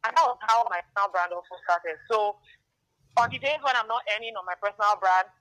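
Bright-voiced Nigerian woman telling her story. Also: mid-range voice, quick pace, low-quality recording. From Akwa Ibom, Nigeria. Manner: animated, repeats words while thinking. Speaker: guest. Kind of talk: casual interview storytelling.

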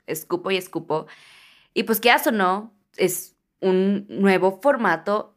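A young woman hosting an unscripted podcast, talking in an animated, jokey way, laughing often and slipping into English swear words. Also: on the low side. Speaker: podcast host.

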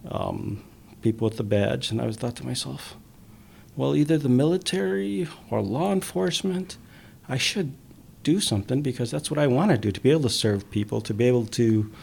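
A man, a police officer, talking earnestly in an interview, with many pauses and fillers. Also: medium pitch, creaky, darkish tone, a little hiss or hum. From immigrant, grew up in the US. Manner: earnest, halting, many "you know" fillers. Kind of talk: conversational interview.

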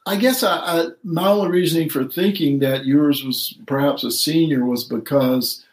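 A middle-aged man talks sports in a loose, rambling way, stopping to correct himself mid-thought. His voice sits a bit high for a man. The recording has a roomy, echoey sound. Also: normal speed. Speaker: podcast co-host. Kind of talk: casual sports chat.

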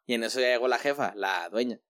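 A man's voice: mid-range voice, fast talker, a bit bright, no room sound, studio quality. A man with a Mexican accent, telling a story in casual, slangy chat. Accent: Mexican Spanish.

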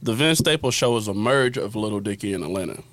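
A man's voice: fairly low pitch, animated, brisk, a bit bright, no room sound. A man hosting a casual podcast chat, talking emphatically and repeating his catchphrases.

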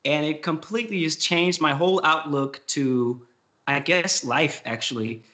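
Slightly high and slightly slow, this young man's voice is bright with a forceful tone. He's a singer-songwriter from Denmark, speaking with a Danish accent as a guest in a casual interview, rambling hesitantly with plenty of fillers, restarts and laughs.

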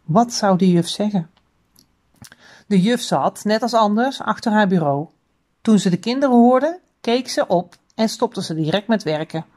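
A woman reads a children's book aloud in a storytelling voice. Her pitch sits in the middle but moves a lot, rising and falling through each sentence. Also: unhurried. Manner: expressive storybook reading.

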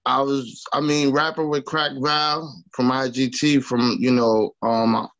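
A rapper from Long Island, New York, talks loosely as an interview guest, packing his speech with casual fillers like "you know what I mean." His raspy, mid-range voice is a bit bright, with a flat delivery at a measured pace, and the recording sounds dull and lo-fi.

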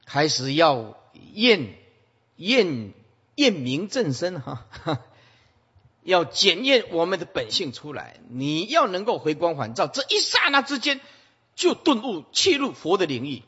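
A man giving an animated Buddhist sutra lecture, repeating commands to his listeners, with a husky voice. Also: on the high side, unhurried. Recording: muffled, echoey hall.

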